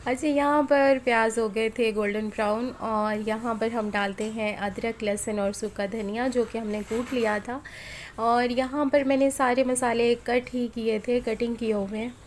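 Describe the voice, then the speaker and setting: With a flu-roughened, sore and strained throat, a Pakistani vlogger in her thirties talks viewers through her cooking in a voice-over recorded at home. Her voice is on the high side, fairly even and unhurried, and her manner is chatty and homely. Street and household noise faintly intrudes.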